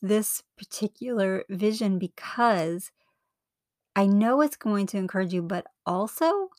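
A woman's voice: medium pitch, animated, measured pace, a little mellow, no echo. A woman podcast host speaking close and intimately, right up at the mic, in an earnest, encouraging devotional style. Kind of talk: devotional podcast talk and reading.

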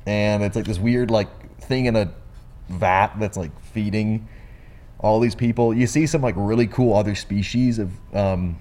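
A man's voice: lowish voice, a little mellow. Man rambling through an episode recap. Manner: rambling recap with quick acted-out quotes. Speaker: podcast co-host reviewing a TV episode. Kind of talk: casual recap chat.

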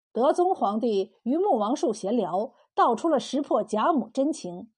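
A woman narrating a historical tale in a steady storytelling manner. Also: on the high side, breathy edge.

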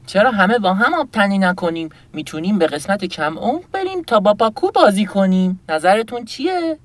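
A man's voice: sits high, animated, no room sound, voice pushed up. A man voicing a frank, caring boy in a storybook reading, with a raised boyish put-on voice. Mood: earnest. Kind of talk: storybook voice acting.

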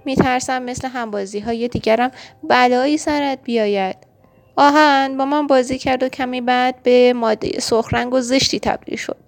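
A woman voicing a friendly, curious little oxygen character in a storybook, in a high, excited and anxious manner. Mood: fearful. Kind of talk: storybook reading.

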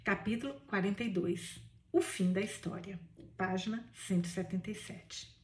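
A woman's voice: mid-range voice, fairly even intonation, moderate pace, reverberant, far from the mic, a little hiss or hum. A woman with a Brazilian accent reading a novel aloud for a book club, breaking off into gushing asides to her listeners. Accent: Brazilian Portuguese.

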